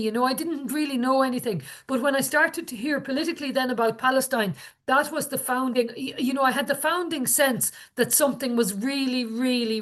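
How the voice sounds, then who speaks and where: Irish woman, west of ireland accent, slightly high voice, earnest activist giving an informal talk, repeats stuff to make her point. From Galway, west of Ireland. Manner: earnest, repeats phrases for emphasis. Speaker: activist speaker.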